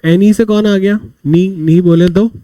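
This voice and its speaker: A man's voice: high voice, fairly even intonation, unhurried, dark tone, dry recording. A man teaching a vocabulary class, telling little stories to explain words and asking and answering his own questions. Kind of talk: live online vocabulary class.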